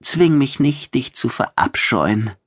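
A man's voice: mid-range voice, lively intonation, slow, slightly rough, no echo, clean studio sound, pitched above the performer's own voice. A male audiobook narrator voicing a fierce, teasing pregnant female alien warrior. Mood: threatening. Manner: mocking, threatening, playful. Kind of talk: audiobook character voice.

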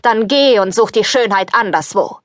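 A woman's voice: medium pitch, animated, normal speed, a bit bright, no room sound, studio quality, close to an everyday voice. A woman reading an audiobook, voicing a selfish, cruel young prince who speaks with scorn. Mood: scornful.

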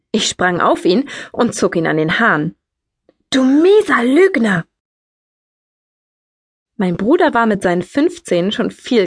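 A woman narrates an audiobook in the first person, telling the story in a lively way. Her voice sits at a middling pitch and is recorded close on a studio mic with a very dry sound. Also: no echo. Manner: lively storytelling, rises in pitch for quoted speech.

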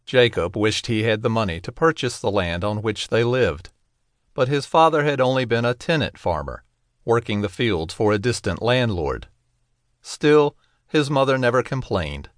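A man narrating a children's audiobook in a gentle, expressive storytelling manner. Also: medium pitch, moderate pace, dry recording, clean studio sound.

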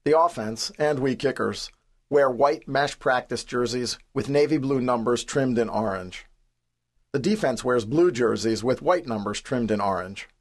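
A man's voice: medium pitch, unhurried. Wry, understated man narrating his memoir. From New York City area. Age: 40s. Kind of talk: scripted audiobook narration.

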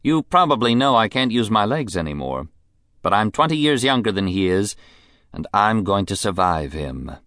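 A man reading a novel aloud, voicing a middle-aged rich woman with a clear voice and a bitter, mocking edge. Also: on the low side, very animated, normal speed, a bit bright, no room sound, studio quality. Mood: cool, bitter. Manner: languid, mocking, contemptuous. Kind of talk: audiobook character voice.

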